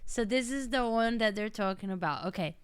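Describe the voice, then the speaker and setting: A woman's voice: medium pitch, brisk, clear, resonant tone, no echo. A woman streamer giving casual gameplay commentary, chatty and thinking aloud as she plays.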